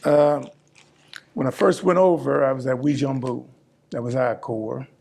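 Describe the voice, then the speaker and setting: An elderly man, a veteran in his seventies, reminiscing plainly in a casual interview, pausing as he recalls details. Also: medium pitch, steady tone, vocal fry, a little mellow. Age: 70s. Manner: old veteran remembering, plain-spoken, halting recall.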